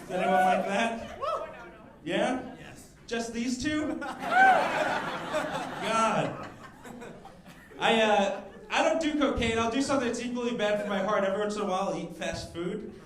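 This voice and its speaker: A young man doing a stand-up comedy set on a club stage, mixing crowd work and quick asides, speaking into a handheld mic. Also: high-pitched, background noise. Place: comedy club stage before a live audience. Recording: roomy live club sound with audience laughter.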